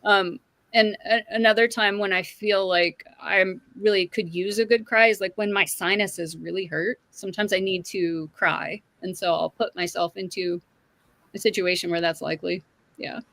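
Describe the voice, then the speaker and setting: A middle-aged woman talks through her feelings in a relaxed group chat, thinking aloud with plenty of fillers. Her voice sits at an ordinary pitch. It sounds dry and close on a video call. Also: moderate pace, dry recording. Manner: open, reflective, with frequent fillers. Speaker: hangout participant.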